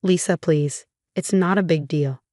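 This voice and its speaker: A woman voicing an evasive young husband who keeps trying to calm things down, in a storybook narration. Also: lowish voice, unhurried, no echo, clean studio sound, lightly acted. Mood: placating. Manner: placating, uneasy.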